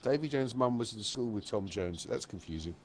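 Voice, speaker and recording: A chatty man gives game advice on a livestream in a lowish voice with animated intonation. He is casual and playful, and there is slight background noise. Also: a little fast. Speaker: live streamer and gaming community host.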